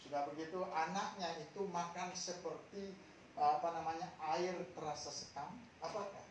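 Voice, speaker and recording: A male pastor giving a sermon, telling stories animatedly and moving between hushed and loud passages. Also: on the high side, fairly even intonation, normal speed, noisy background. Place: church hall during a service. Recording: very echoey hall from far off.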